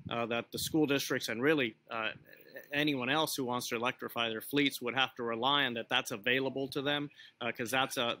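A man in his forties moderating a video call interview from outdoors, asking long measured questions with fillers. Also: mid-range voice, sharp tone, dry recording. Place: outdoors by the water.

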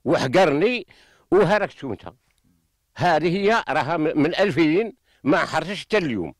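A man's voice: on the high side, animated, brisk, dry recording, clean studio sound. An older man with a western Algerian accent, a farmer giving impassioned, insistent testimony into a handheld microphone outdoors, repeating himself in an aggrieved manner. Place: outdoors in open farmland. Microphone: handheld reporter microphone.

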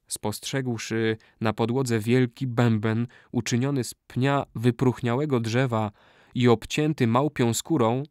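A man reading a classic novel aloud as an audiobook narrator, in a measured, steady storytelling manner. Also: medium pitch, no echo, studio quality. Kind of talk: scripted narration.

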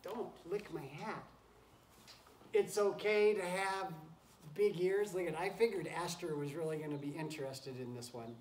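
Surrounded by goats and chickens in a wooden barn pen with straw, a man reads a picture book aloud to children like a teacher, with encouraging chatter and asides to the animals. His pitch is fairly high, his voice a little mellow, and his speed normal. The recording comes from a camera a few feet away, roomy and noisy.

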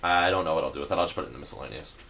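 Low-voiced rambling young man. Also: very fast, gravelly, fairly bright tone, slight background noise. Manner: rambling, hesitant, with frequent fillers. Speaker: gameplay video maker. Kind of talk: casual game commentary.

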